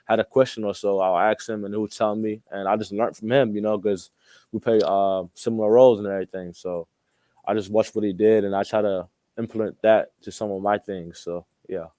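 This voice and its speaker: Speaking quickly in a steady, mellow, rather low voice, a young Australian college basketball player answers interview questions. His talk is casual and loose, full of repeated informal phrases, and the recording is dry.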